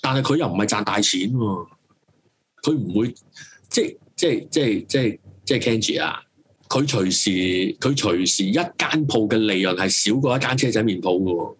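A man's voice: on the low side, expressive, normal speed, husky. A man with a Hong Kong Cantonese accent hosting a casual, opinionated live stream, emphatic and rambling, circling back over his phrases and swearing freely. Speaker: talk show host.

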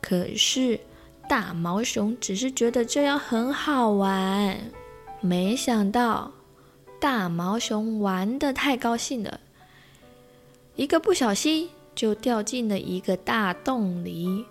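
A woman reading a children's picture book aloud as a storyteller, with gentle, slow pacing. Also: a little high, expressive, soft background music.

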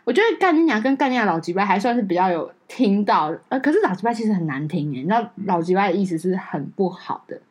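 A woman telling a childhood story in a casual podcast chat, animated and laughing. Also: mid-range voice, fast talker, hardly any pauses, slightly rough. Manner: animated storytelling, laughing while quoting curses. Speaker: podcast co-host.

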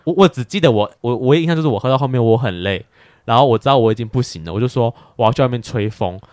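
A man speaking, co-hosting a podcast and telling a story in a casual, animated way, with stammering restarts and frequent laughter. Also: medium pitch, quick pace, no echo, studio quality. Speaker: podcast co-host.

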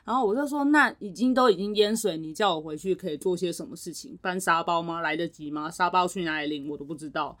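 A young woman co-hosting a podcast tells a work story in casual chat, her lowish voice moving fast with few pauses. She retells it in an animated way, acting out what other people said.

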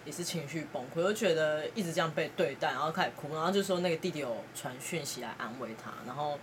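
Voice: medium pitch, fast, background noise. A podcast host, chatty and laughing now and then while telling a story in a casual way.

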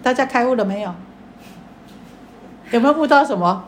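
A woman giving a Buddhist sermon, telling a story in a rambling way with many fillers and drawn-out sentence endings. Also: fairly high pitch, expressive, a little hiss or hum. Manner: repetitive, filler-heavy, drawn-out particles. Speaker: Buddhist dharma teacher.

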